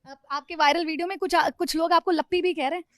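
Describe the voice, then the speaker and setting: A woman reporter conducting a field interview, asking lively, prompting questions. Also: extremely high pitch, fast talker, dry recording, clean studio sound.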